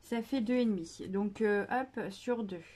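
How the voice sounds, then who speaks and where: A woman's voice: medium pitch, unhurried, background noise. A woman hosting a casual scrapbooking tutorial, chatty and hesitant with many fillers, joking about herself.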